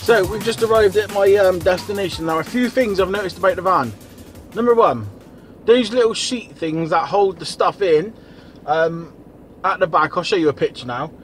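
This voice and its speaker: High-pitched man, chatting casually. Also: normal speed, soft background music. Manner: blokey, informal. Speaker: vlogger and van driver. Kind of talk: casual video diary chat.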